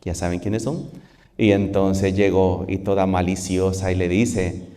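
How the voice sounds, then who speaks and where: A man's voice: low voice, little pitch movement, measured pace, dark tone, big-room sound. A man preaching a sermon as a priest, emphatic and repetitive.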